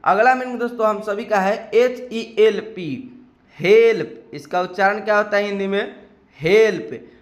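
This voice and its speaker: A man with an Indian accent teaching English vocabulary in Hindi, spelling each word letter by letter and repeating it slowly. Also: sits high. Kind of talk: spoken English lesson.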